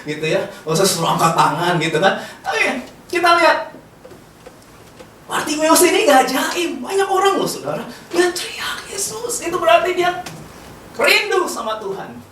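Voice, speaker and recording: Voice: high-pitched, very animated, moderate pace, fairly bright tone. A pastor preaching a sermon, drawing the congregation into call-and-response and teasing them playfully with frequent laughter. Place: large hall with a congregation. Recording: roomy hall, distant mic, faint noise.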